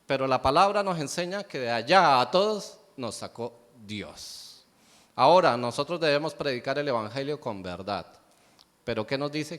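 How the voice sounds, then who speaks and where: A man's voice: medium pitch, a bit bright. Preaching man in a reverberant church. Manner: asks the congregation rhetorical questions, answers them himself. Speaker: pastor. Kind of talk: sermon. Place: church sanctuary. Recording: long church hall reverb.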